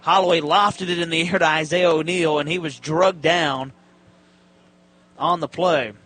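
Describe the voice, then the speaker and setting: This radio announcer's voice is a little high and fairly bright, and he speaks unhurriedly with fairly even intonation. He delivers live football play-by-play in short, descriptive bursts over faint noise and the sound of the stadium during a live broadcast.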